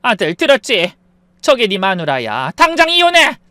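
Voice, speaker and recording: A woman's voice: on the high side, wildly swooping pitch, normal speed, pushed and bright, no room sound, heavily acted. A woman voicing a domineering older mother-in-law who talks with scorn and scolds. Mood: scornful. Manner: scolding, contemptuous.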